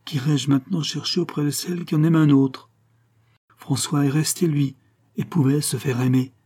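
A man's voice: a little high, steady tone, normal speed, warm tone, husky, pitched above the performer's own voice. A man voicing a brooding young villager. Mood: bitter.

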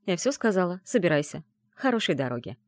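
Woman reading as a strict academy dean, firm and commanding, lowish voice, lively intonation, dry close sound, audiobook. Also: fast talker, dry recording. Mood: stern. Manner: firm, commanding, brooks no argument.

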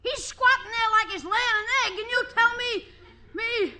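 A man's voice: extremely high pitch, moderate pace, sharp tone, exaggerated voice. A man playing a cheeky young market delivery fellow in an old-time radio comedy, with a sarcastic, exclamatory delivery. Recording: very noisy old radio recording.

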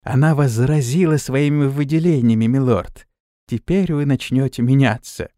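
A man voicing a young female servant who speaks in a quiet, flat, slow voice. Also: mid-range voice, no echo, clean studio sound, natural voice.

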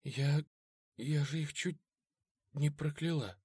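A man voicing a frightened, timid young woman who speaks in a quiet, trembling, pleading way. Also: a little high, slow, husky, no room sound, studio quality, pitched above the performer's own voice.

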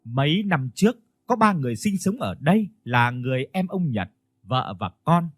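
A male storyteller narrating a ghost story in a scripted reading, with soft instrumental music behind him. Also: medium pitch, big pitch swings, normal speed, slightly rough, no echo. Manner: storytelling, voices the characters.

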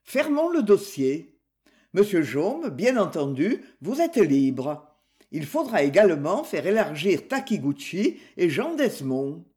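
A reader voicing a weary police inspector who closes the case with brisk authority in an audiobook crime story. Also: mid-range voice, very animated, dark tone. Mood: authoritative.

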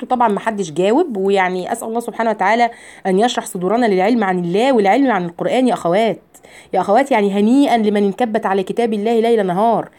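An Egyptian woman teaching an online tajweed lesson, mixing slow, drawn-out recitation with earnest explanations and repeated vowel drills. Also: a little high, warm tone. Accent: Egyptian Arabic.

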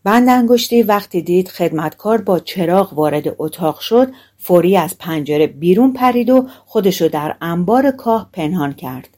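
A woman narrating a fairy tale audiobook in a relaxed, colloquial storytelling way. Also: fairly low pitch.

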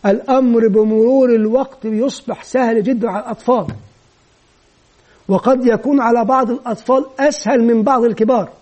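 A man training teachers of Quran recitation, explaining how to teach children and slowly repeating the chanted drill phrases as he demonstrates. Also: very high-pitched, fairly even intonation, a little mellow. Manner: acts out teacher questioning a child. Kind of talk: instructional lecture on teaching children.

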